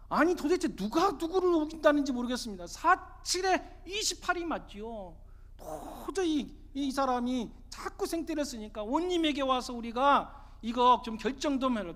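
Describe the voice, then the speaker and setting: A man voicing an exasperated clever village man in a sermon story, arguing loudly. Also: high voice, big-room sound, full character voice.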